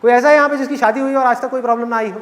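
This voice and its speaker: High-voiced man speaking in a hall. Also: racing, a little hiss or hum. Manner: animated, rhetorical questions to the audience. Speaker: motivational speaker. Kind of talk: live motivational speech. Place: large hall with live audience. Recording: echoey hall with faint crowd.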